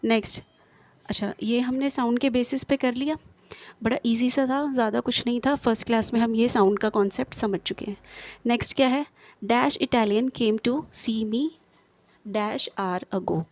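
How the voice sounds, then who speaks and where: A woman with a slightly high voice teaches an English grammar lesson. She poses quick questions and answers them herself. She reads each example sentence slowly and carefully. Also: no echo.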